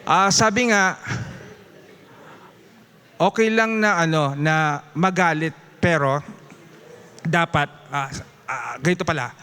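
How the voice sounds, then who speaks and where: Filipino man, high voice, lively Bible study teacher who chuckles and calls on the congregation. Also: slow pace, long pauses, smooth. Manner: lively, mixing English into Tagalog, with chuckles and audience prompts. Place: church.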